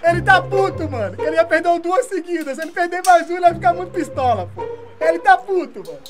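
Excitable Brazilian woman taunting mid-game. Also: extremely high pitch, fast talker, music in the background. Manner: excitable, taunting, swears often. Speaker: gaming streamer. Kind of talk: live football video game commentary.

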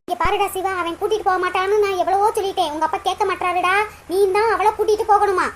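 A fretful mother from a cartoon, voiced by a performer, talking fast in an extremely high, squeaky voice. She nags and pleads with her grown son. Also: fairly even intonation, fairly bright tone, a little hiss or hum. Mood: nagging. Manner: pleading, nagging.

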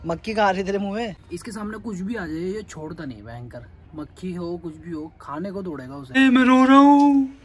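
A young man chatting casually in a home vlog, lively and laughing often. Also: high voice, normal speed. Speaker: vlogger. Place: home rooftop, outdoors. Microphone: phone held by hand.

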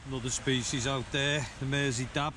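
A man's voice: medium pitch, little pitch movement, a little fast. Middle-aged man, casual catch report, plain delivery, outdoor camera audio with heavy surf noise. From England. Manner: plain, matter-of-fact, with some hesitant fillers. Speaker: sea angling vlogger. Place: open beach on a river estuary, outdoors. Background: loud surf and wind.

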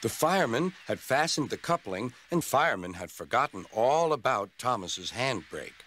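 With music playing underneath, a man narrates a children's storybook from a script, expressively voicing every character. His pitch is medium and his pace moderate.

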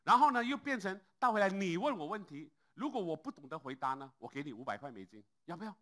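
A smug, pushy lawyer who wheedles and taunts, as a preacher acts him out in a joke. The voice sits noticeably higher than his plain talk and comes out bright and forceful. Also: sing-song, quick pace. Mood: boastful. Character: arrogant pushy American male lawyer.

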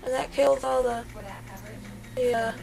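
Young woman, loopy after wisdom teeth surgery, high creaky voice, numb-mouthed childlike rambling. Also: little pitch movement, a little slow. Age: young adult. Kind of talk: casual chat. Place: small dental clinic recovery area, indoors. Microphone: handheld camera at close range.

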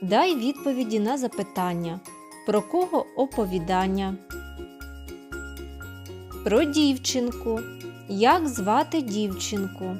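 A woman teaching a preschool reading lesson, her voice a touch high and her delivery unhurried. She poses simple questions, answers them herself and breaks words into syllables. Faint music plays behind her. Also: animated, darkish tone. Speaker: kindergarten teacher. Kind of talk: distance-learning literacy lesson for preschoolers.

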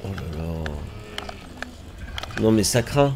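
A man streaming a game, reacting out loud with yelps and groans and talking to the enemies on screen. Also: fairly low pitch, lively intonation, slow, heavy background noise. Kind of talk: live gameplay commentary.

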